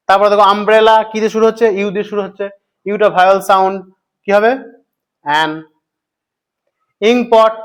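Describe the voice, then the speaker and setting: A man with a Bengali accent teaching English grammar, asking his students questions and answering them himself, repeating key points slowly. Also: high-pitched, clear, resonant tone. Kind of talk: explanatory grammar lesson.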